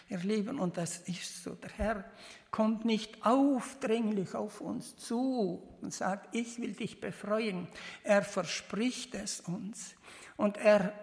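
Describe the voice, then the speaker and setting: A woman delivers a heartfelt sermon at a slow, deliberate pace. She stops and restarts often, and her phrasing comes out halting. Her voice carries the long reverb of a church hall. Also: mid-range voice, creaky. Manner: halting, heartfelt, with many restarts and non-native grammar. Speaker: preacher.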